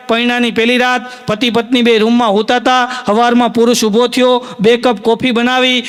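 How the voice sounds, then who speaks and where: A man with a Kathiyawadi Gujarati accent tells comic village stories to a live audience from a stage. His voice sits very high and rings out smooth and resonant. He slips into the voices of the people in his tales as he tells them. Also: long reverb tail. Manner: lively anecdotal delivery, acting out quoted voices. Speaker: stand-up comic storyteller. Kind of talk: live folk comedy storytelling to an audience.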